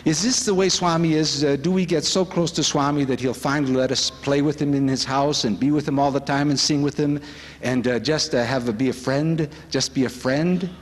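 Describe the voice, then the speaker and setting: A man gives a devotional talk at a retreat, sharing stories in an earnest, reflective way. His voice sits a little high for a man. The sound carries a long reverb, as in a conference hall. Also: fairly even intonation, fairly quick. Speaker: speaker at a spiritual retreat.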